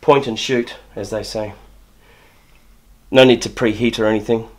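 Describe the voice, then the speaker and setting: Middle-aged barber talking through a shave. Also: male voice, fairly low pitch, steady tone, normal speed. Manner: explains while working, frequent restarts and repeated words. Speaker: barber and shop owner. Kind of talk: step-by-step grooming demonstration. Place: indoor barber shop.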